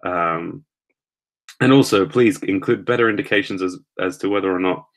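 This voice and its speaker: Deep-voiced guy on his first livestream, nervous and rambly, laughing at himself. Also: moderate pace, fairly bright tone. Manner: nervous, rambling, self-deprecating. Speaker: streamer. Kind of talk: casual chat reading live comments.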